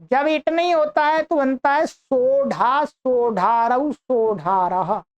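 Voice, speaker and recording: High-pitched lady teacher going through verb tables real slow, chanting each form for the class. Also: muffled recording. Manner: slow, deliberate chanting of word forms for students to repeat. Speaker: Sanskrit teacher. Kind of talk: reciting verb conjugations in a lesson.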